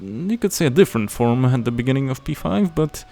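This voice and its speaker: A man's voice: medium pitch, expressive, fairly quick, vocal fry, mellow. A man playing a video game and commenting casually, with wry, rambling asides. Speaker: let's play host. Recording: commentary over game music.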